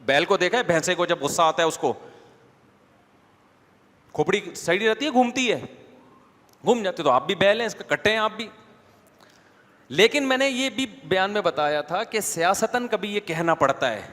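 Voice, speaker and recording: A male preacher gives a religious lecture, his voice sitting a little higher than most men's. He talks in a casual, conversational way and keeps putting questions to the audience. A long reverb trails behind him, as in a large hall. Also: animated, long pauses, a bit bright. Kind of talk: Islamic lecture.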